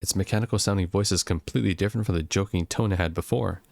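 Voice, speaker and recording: Young man, deep voice, reading game story aloud, steady, faint music behind. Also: rapid-fire, gravelly, no room sound. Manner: steady reading, jokes about own slips. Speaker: gameplay narrator.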